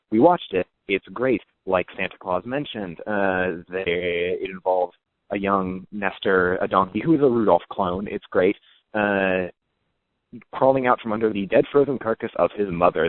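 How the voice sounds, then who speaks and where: A man's voice: low-pitched, no echo. A man leaving a chatty, wry, rambling voicemail over a landline phone. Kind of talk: casual phoned-in voicemail message. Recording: tinny, dry phone line.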